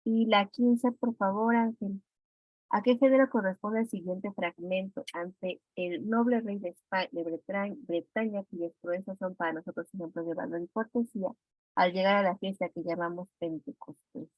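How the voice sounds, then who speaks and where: A woman's voice: mid-range voice, fairly even intonation, normal speed, no echo. A woman teacher with a Mexican Spanish accent goes through exam answers step by step and calls on students with questions. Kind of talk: classroom exam review. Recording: dry, dull lo-fi sound.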